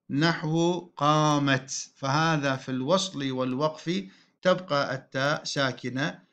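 A man teaching a grammar lesson to a class, explaining patiently and slowing down to sound out example words. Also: a little high, fairly bright tone. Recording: dull lo-fi recording.

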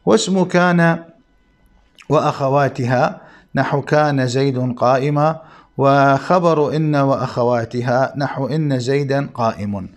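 A man giving a grammar lesson, who asks questions and answers them himself, slowing down to stress key points. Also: mid-range voice. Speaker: grammar teacher. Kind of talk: classroom lesson explaining Arabic grammar.

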